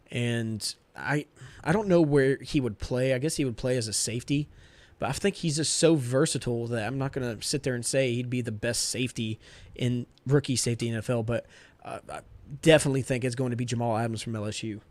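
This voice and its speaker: A man co-hosting a sports podcast talks through his picks with easy confidence, upbeat and sure of himself. His voice sits at an ordinary middle pitch. The recording is dry and close, with no room echo. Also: fairly quick, darkish tone. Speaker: podcast co-host. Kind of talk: casual sports podcast chat.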